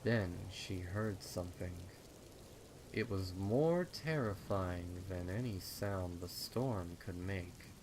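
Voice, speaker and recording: A man reads scripted horror fan fiction dramatically, his voice low and his pace slow. Behind him are rain and storm sound effects plus general background noise.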